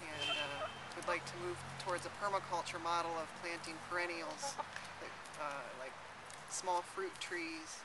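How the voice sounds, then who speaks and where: A woman's voice: on the low side, fairly even intonation, a little slow, few pauses. A young woman who runs an urban farm, answering interview questions in a thoughtful way with many fillers and restarts. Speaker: urban farmer. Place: outdoors in a city garden. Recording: loud outdoor background noise.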